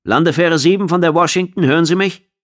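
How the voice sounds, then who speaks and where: A man voicing a pilot who calls out urgently over the radio in a strained, much higher voice. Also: quick pace, close to an everyday voice. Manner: urgent, calling out.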